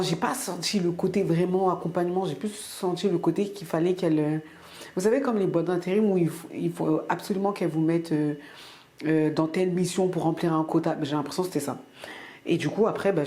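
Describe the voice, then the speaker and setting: A woman's voice: deep voice, dark tone. A woman from France chatting casually to camera in her weekly vlog, rambling with many fillers and restarts. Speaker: vlogger.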